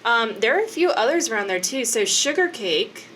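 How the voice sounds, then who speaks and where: A woman's voice: a little high, very animated, normal speed, a bit bright, a little hiss or hum. A woman in her thirties co-hosting a podcast in casual chat, chatty with frequent laughs and fillers. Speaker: podcast co-host.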